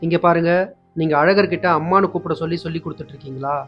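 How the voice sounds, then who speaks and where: Man voicing a stubborn angry young mother, scolding, quick, dull lo-fi sound, faint music. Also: low voice, close to an everyday voice. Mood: insistent scolding. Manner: insistent, scolding.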